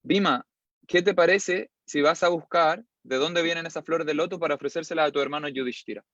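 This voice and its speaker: A man voicing a wife who makes a soft, coaxing request of her husband, close to his own voice. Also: fairly high pitch, a little fast, no room sound, lightly acted. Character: gentle wife making a request. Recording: slightly dull lo-fi sound.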